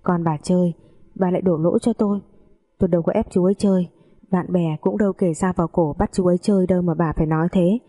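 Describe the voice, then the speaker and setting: Female story narrator, steady and confiding, low voice. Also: quick pace. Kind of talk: first-person audio story narration.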